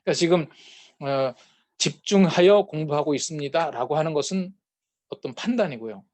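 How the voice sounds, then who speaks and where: A man with a fairly high, darkish voice lectures a peacemaking class at a moderate pace, recorded dry. He talks casually, full of fillers, and acts out short quarrels as example dialogues.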